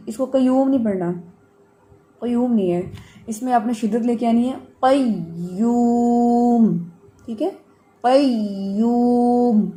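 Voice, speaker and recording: A woman teaching Quran recitation in an online class. She patiently corrects her students' mistakes, checks in with them, and models each word in slow, drawn-out recitation. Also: a little high, dark tone, slight background noise.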